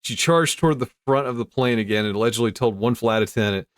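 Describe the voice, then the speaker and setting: A man's voice: medium pitch, quick pace, no room sound, studio quality. A man hosting casually, reading news aloud with amused commentary. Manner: amused, easily breaks into chuckles. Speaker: host.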